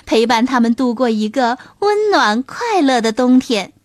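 High-voiced woman narrating a fairy tale. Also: big pitch swings, unhurried, dry recording, studio quality. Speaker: storyteller. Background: faint music.

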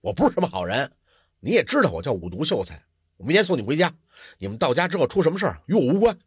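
A male storyteller voicing a stern, bitter middle-aged scholar who talks curtly and coldly, his voice dropped low. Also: very animated, fast talker, slightly rough, dry recording, studio quality, full character voice. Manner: cold, curt, low-voiced.

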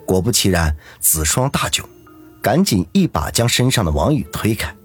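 A man narrating an audiobook in a lively, dramatic storytelling manner. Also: lowish voice, normal speed, slightly rough, faint music behind.

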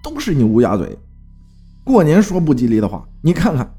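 Man doing a middle-aged mother, high shrill voice, urgent shouting, scolding. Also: wildly swooping pitch, a little fast, breathy edge, soft background music, heavily acted.

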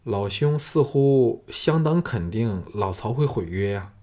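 Man voicing a relaxed, wry swordsman hero. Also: medium pitch, measured pace, close to an everyday voice.

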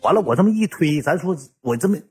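A man with a Northeastern Mandarin accent telling a story casually, in colloquial, lively speech with the odd swear word. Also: fairly high pitch, quick pace, husky, soft background music.

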